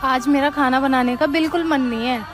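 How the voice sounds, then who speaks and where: Actress for a coaxing daughter-in-law, high voice, music under. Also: female voice, steady tone, brisk, lightly acted. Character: sly young daughter-in-law.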